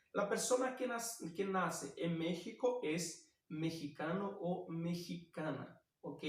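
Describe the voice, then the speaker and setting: Slow-talking man teaching Spanish. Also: sits high. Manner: slow and deliberate, repeats phrases, self-corrects, tags "ok?". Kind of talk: recorded video lesson. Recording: roomy echo, mic at a distance.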